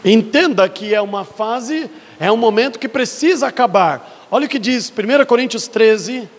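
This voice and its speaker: A man preaching in a church with a high, somewhat husky voice. His delivery builds from quiet storytelling into fervent emphasis, and the voice rings out with a long reverb through the hall. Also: expressive, normal speed. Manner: preaching with rising intensity, varied pitch. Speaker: pastor. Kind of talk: sermon.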